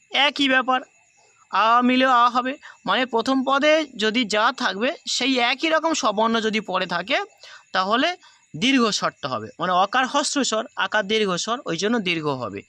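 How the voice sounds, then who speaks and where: A man's voice: very high voice, sharp tone, no echo. A man teaching a grammar class, explaining the rules patiently and going over each step again. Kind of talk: recorded class lesson.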